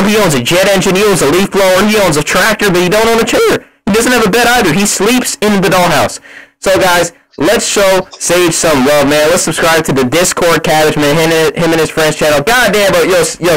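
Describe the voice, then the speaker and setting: Man, voice changer effect, streamer host, rapid slangy hype, raised pitch. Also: a bit bright, low-quality recording. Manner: loose slangy hype, repeats himself. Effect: voice changer on his voice. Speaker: livestream host. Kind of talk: hyped casual livestream talk.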